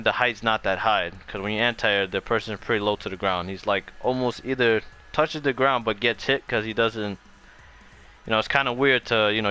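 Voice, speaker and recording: A man with a low, pushed and bright voice walks through a fighting game tutorial casually and off the cuff, circling back over his points. The tone is clean, and music plays in the background.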